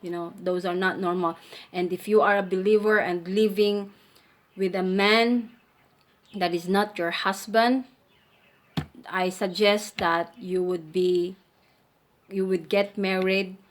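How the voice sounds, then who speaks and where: A woman's voice: medium pitch, fairly even intonation, slow pace, pauses often, a little hiss or hum. A woman giving a casual Bible teaching in a conversational way, restarting her sentences often. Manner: conversational, with many restarts and fillers.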